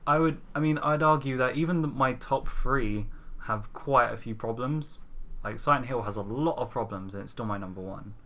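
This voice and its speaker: A podcast host with a medium-pitched, pushed, bright voice chats casually about films and games at a moderate pace. He's informal and sweary, chuckling frequently.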